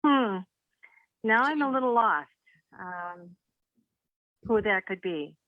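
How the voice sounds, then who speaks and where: A woman's voice: medium pitch, animated, slow, no echo. Hesitant woman calling into a radio show. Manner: hesitant, friendly, short answers. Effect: caller heard over a phone line on a radio show. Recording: tinny phone line.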